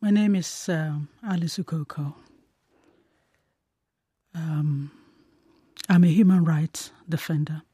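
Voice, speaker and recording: A Nigerian woman, a human rights defender, speaking earnestly and in pain, in measured phrases. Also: low voice, steady tone, dark tone, breathy edge, no echo, studio quality. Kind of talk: emotional radio call-in comment.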